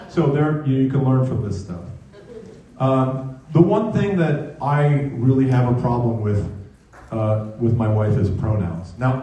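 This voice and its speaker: An older man doing a stand-up comedy set, telling wry stories with pauses before the punchlines, on a club stage with the audience laughing. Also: mid-range voice, warm tone. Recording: echoey club room from a distance.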